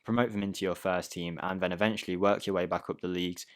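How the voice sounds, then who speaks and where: A man's voice: sits low, steady tone, fast talker, clean tone. A young man hosting a gaming channel, giving chatty, upbeat voice-over commentary and talking straight to his viewers. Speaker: video game channel host. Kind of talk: voice-over commentary on game save ideas.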